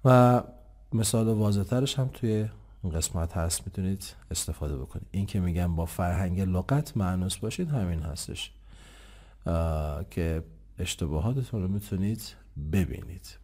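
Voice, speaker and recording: Low-voiced male English teacher. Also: expressive, a little mellow. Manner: explains patiently, asks himself questions and answers them; says English examples slowly and clearly. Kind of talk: online English lesson.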